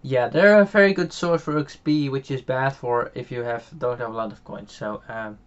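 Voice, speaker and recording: A man's voice: mid-range voice, normal speed, lo-fi sound. A young man with a Dutch accent giving casual, rambling gameplay commentary at home, full of fillers and restarts. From Netherlands. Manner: rambling, many fillers and restarts, chuckles often. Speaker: gaming channel host. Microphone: home microphone.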